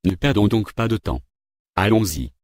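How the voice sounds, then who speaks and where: A man's voice: lowish voice, animated, moderate pace, a little mellow. A man voicing an irritable government minister who grumbles and gets impatient, in a read-aloud story. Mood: relieved.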